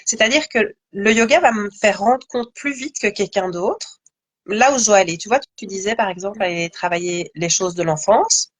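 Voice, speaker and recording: A woman's voice: mid-range voice, normal speed, dry recording. Thoughtful woman in dry close sound. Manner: thoughtful, many fillers and restarts. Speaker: guest, yoga teacher. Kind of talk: conversational live interview.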